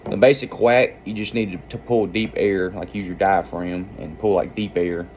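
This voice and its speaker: A man with a low voice walks through a practical tutorial in an informal, folksy manner. His explanations ramble along like those of an amateur outdoorsman showing a skill. There is some noise behind him. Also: steady tone, normal speed, a little mellow. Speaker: duck-calling instructor and hunter.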